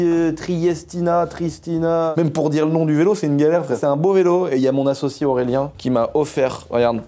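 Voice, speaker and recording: A man's voice: medium pitch, dark tone. A man vlogging casually as he shows off his vehicles, slangy and joking with crude banter. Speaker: YouTuber showing his garage. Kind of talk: casual vlog.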